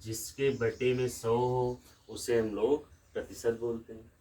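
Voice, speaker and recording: A man's voice: medium pitch, flat delivery, measured pace, mellow, recorded from a distance, poor audio. A man with a Lucknow Hindi accent teaching a maths lesson from a room in a village, explaining step by step and asking questions back to the class.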